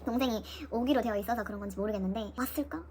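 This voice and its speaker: Young woman vlogger, quick casual storyteller who imitates others, faint background hiss. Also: mid-range voice. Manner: lively, mimics voices of nurses and her sister while retelling.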